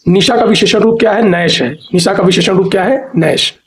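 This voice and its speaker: A high-pitched man runs an exam preparation lesson, reading out lists of words and definitions. He repeats each answer and walks through the spelling of tricky words. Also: brisk, over a noisy crowd. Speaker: Hindi teacher.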